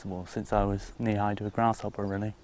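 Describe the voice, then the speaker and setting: Low, even-voiced man explaining informally. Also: brisk. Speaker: deer stalker.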